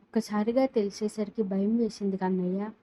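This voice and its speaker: Brief: a woman playing a caring, anxious mother-in-law in a storybook tale, mellow tone. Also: medium pitch, steady tone, moderate pace, lightly acted. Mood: worried. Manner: worried, gentle.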